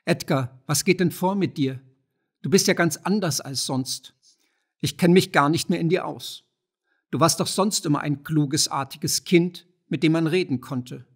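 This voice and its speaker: A husky man voicing a middle-aged mother who hurries through her scolding, fussing and pleading like someone ashamed in public. The voice sits fairly high and a little breathy, and it is read as an audiobook character. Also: unhurried.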